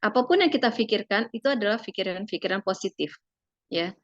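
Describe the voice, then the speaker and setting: A woman leads a parenting seminar from her slides. She talks to parents in a gentle, persuasive way and fills her sentences with small spoken tags. The recording sounds dull and lo-fi, with a dry, close tone and no room echo. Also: mid-range voice, lively intonation, fast talker. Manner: filler-laden, tags phrases with "gitu ya".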